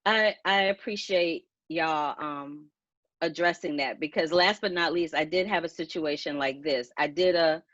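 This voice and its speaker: A woman's voice: low voice, measured pace, a bit bright, dry recording. An actress, upset and crying as she tells of being mistreated on set, speaking on a video call. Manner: earnest, upset, voice rising with emotion. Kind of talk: emotional personal account on a video call. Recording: dull lo-fi video call audio.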